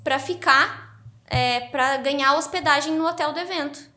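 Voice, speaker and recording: A woman's voice: sits high, a little slow. A woman guest on a podcast, telling her story animatedly in a casual interview. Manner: animated, excited narration.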